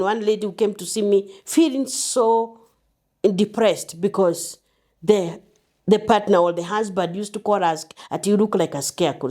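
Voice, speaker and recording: A woman's voice: medium pitch, mellow. A woman counselor giving an earnest, reflective talk on abuse, telling personal stories and quoting scripture. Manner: earnest, anecdotal, quotes scripture. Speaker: counselor and speaker.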